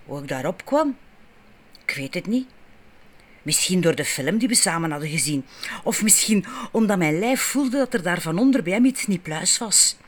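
A woman's voice: lowish voice, lively intonation, moderate pace. Wry Flemish woman narrating a story. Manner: frank, wry, intimate storytelling. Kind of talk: audiobook narration.

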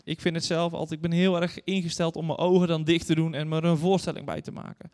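A man's voice: a little high, flat delivery, quick pace, darkish tone. A man in his thirties or forties preaching a sermon, reading scripture and telling stories earnestly to the congregation. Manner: earnest, storytelling, addresses congregation directly. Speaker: guest preacher. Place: church hall. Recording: long church reverb.

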